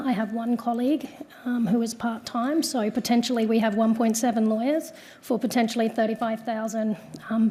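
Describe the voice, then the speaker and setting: A woman speaking as a lawyer in a prepared presentation, her voice hoarse from flu, with hesitant phrasing. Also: fairly high pitch, dark tone, a little hiss or hum.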